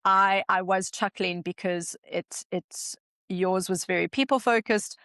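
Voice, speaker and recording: A woman's voice: mid-range voice, steady tone, a little slow, fairly bright tone, dry recording, clean studio sound. A woman co-hosting a podcast, reflecting on personal stories in a casual chat. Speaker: podcast co-host.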